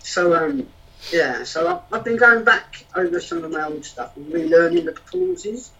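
High-voiced man performing rhyming spoken word. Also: wildly swooping pitch, normal speed, vocal fry, bright, forceful tone. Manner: rhythmic rhyming delivery, hesitant with fillers between poems. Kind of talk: spoken-word poetry performance and casual chat. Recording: distant, dull lo-fi sound.

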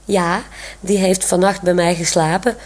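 A woman reading aloud voices a cheerful, proud young man in a wheelchair, with a slow, gentle delivery. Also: on the low side, steady tone. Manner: proud, grinning.

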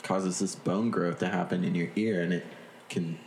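A man's voice: sits low, steady tone, normal speed, darkish tone. A man, co-hosting a casual group podcast and joking around with silly voices. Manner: jokey, does silly voices. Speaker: podcast co-host. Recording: echoey room with faint noise.

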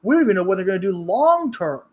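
A podcast host in his thirties rants solo, blunt and profane, often restarting and stumbling. He talks fast, his high-pitched voice swinging widely in pitch.

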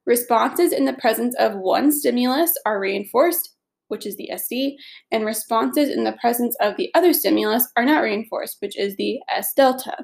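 A woman's voice: a little high, normal speed, gravelly, darkish tone. A young woman with a stuffy, nasal voice hosting an upbeat, chatty study podcast lesson. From Atlanta, US South. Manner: upbeat and chatty, laughs easily. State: stuffy, congested. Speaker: podcast host.

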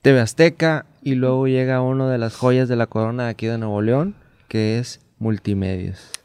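A man hosting a casual interview, relaxed and encouraging. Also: medium pitch, moderate pace, smooth. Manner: relaxed, encouraging, short backchannels. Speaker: podcast host.

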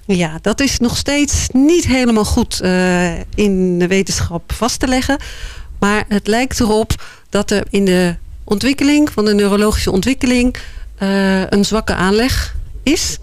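A woman guest answers interview questions thoughtfully, pausing often as she searches for words. Her voice is middle in pitch. The recording is dry and close. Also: no echo. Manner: thoughtful, hesitant, many "eh" and "ja" pauses. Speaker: board member of a foundation, interview guest.

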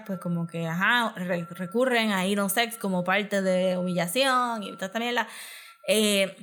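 A woman's voice: medium pitch, a bit bright. A woman recapping a film in casual chat, mixing in English words, with lots of fillers and laughs.

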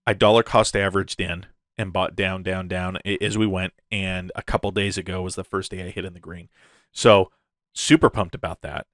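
A man's voice: low voice, flat delivery, normal speed, a bit bright, dry recording, studio quality. A man hosting a casual crypto update in the gushing, hyped-up manner of a crypto bro, often chuckling as he talks. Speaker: crypto video host.

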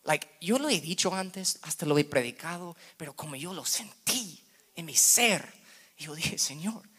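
A man in his thirties preaching a sermon as pastor, slipping English words into his Spanish and swinging between loud bursts and hushed asides. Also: a little high, expressive, measured pace, slightly rough.

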